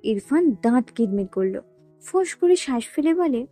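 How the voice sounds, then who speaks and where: High-voiced woman reading a story. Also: big pitch swings, moderate pace, dark tone. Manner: reads all characters' dialogue with only slight voice changes. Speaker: narrator. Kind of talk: storytelling reading of a romance novel. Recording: dry close voice with faint background music.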